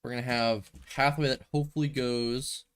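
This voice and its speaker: Slightly stuffy from a cold, a young gaming streamer narrates his building game in a medium-pitched voice that's steady, smooth and a bit bright, at a moderate pace. At his desk microphone he thinks aloud in a rambling, casual way.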